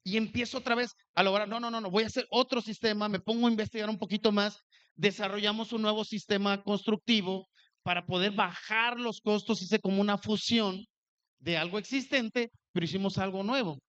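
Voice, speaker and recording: High-voiced man preaching a lively sermon. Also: fairly quick, clean tone, lo-fi sound. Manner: animated storytelling, acts out quoted dialogue. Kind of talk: sermon with personal story.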